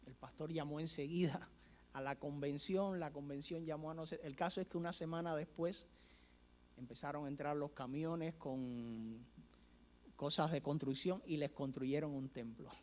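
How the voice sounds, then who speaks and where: A man's voice: fairly high pitch, steady tone, moderate pace. A male preacher telling a story in a sermon, acting out the dialogue at a church service.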